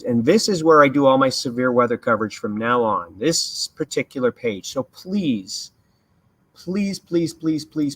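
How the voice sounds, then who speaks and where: A man's voice: medium pitch, fairly bright tone. A man giving live severe weather commentary as a livestream host, explaining emphatically and repeating key points. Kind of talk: live hurricane commentary over radar.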